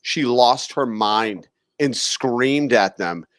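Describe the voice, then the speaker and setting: A man co-hosts a casual podcast in a relaxed, conversational way, often calling his co-host dude. His voice sits at an average pitch, and it sounds dry, close and free of room echo. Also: takes it slowly. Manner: relaxed, says dude a lot.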